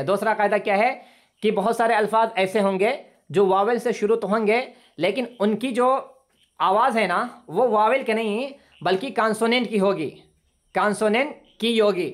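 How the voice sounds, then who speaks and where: Using a computer mic on a video call, a man with a voice that sits high gives an online English lesson. He patiently lays out grammar rules and says words again slowly for his students.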